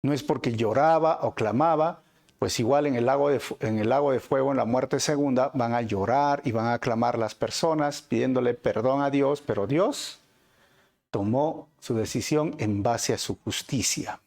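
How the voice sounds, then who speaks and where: A man with a Peruvian Spanish accent teaching a Bible study as a pastor, addressing his listeners as brothers and asking them rhetorical questions, with dramatic swings in pitch and loudness for emphasis. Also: normal speed, gravelly. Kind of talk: inductive Bible study sermon.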